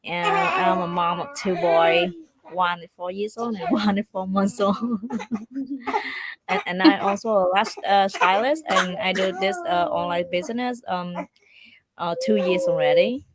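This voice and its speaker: A friendly woman introduces herself with a few hesitations. Children shout and cry loudly behind her on the video call. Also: mid-range voice, lively intonation, unhurried, gravelly, over a noisy crowd. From Vietnam. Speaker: guest. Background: children crying and running.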